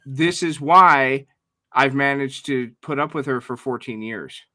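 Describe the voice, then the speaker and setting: A man's voice: mid-range voice, unhurried, bright, forceful tone, dry recording. A man in his thirties co-hosting a podcast, talking in a crude, joking way and swearing a lot. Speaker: podcast co-host. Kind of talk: casual crude chat.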